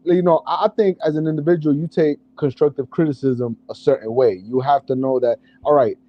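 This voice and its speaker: A man co-hosting a casual chat, relaxed and reflective, restarting his sentences as he talks. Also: fairly high pitch, a little fast. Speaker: podcast co-host. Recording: dull lo-fi audio.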